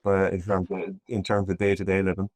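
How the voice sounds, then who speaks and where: Low-voiced man, meandering talk. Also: monotone, a little fast, no room sound. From Ireland. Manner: meandering, hesitant, many restarts. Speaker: podcast guest. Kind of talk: casual conversation.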